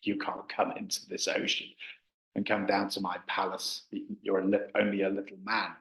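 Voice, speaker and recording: A man's voice: deep voice, flat delivery, moderate pace, fairly bright tone, echoey room, low-quality recording. A man voicing a scornful male sea dragon who mocks a mere human. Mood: mocking. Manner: mocking and dismissive.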